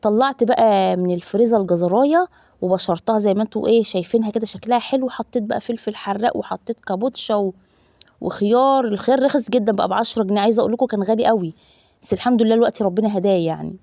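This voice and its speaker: This woman, a family vlogger in her thirties with an Egyptian Arabic accent, talks fast in a warm, medium-pitched voice as she narrates her cooking, addressing viewers as loved ones and using many fillers. The sound is studio quality with no echo.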